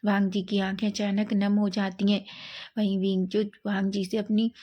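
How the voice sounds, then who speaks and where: A woman narrating a romantic fan fiction story in a steady, even reading. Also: medium pitch, moderate pace, lo-fi sound.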